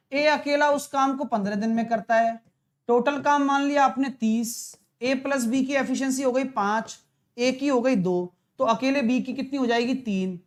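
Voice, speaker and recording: A male math teacher talking a live online exam-prep class through problems, brisk and coaxing, calling viewers brother and dear. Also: very high-pitched. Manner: brisk, coaxing, chatty, mixes English terms, calls viewers brother and dear.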